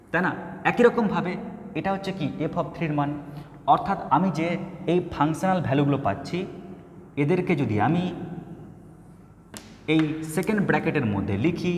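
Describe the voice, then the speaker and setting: Male math tutor, high and lively voice, lecture style, echoey room with long reverb. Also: a little hiss or hum. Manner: asks frequent check-in questions, repeats words for emphasis. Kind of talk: classroom lecture.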